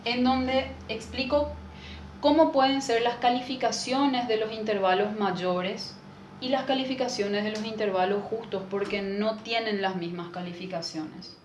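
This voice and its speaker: A woman's voice: fairly high pitch, steady tone, unhurried. A woman, a music teacher patiently explaining a lesson and checking in with rhetorical questions. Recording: echoey room with faint noise.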